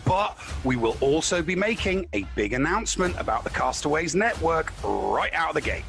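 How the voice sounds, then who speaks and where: A man's voice: on the high side, big pitch swings, normal speed, vocal fry, a bit bright. A man co-hosting a gaming podcast in chatty, emphatic speech, often repeating words for stress. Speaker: podcast co-host. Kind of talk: upbeat gaming podcast chat.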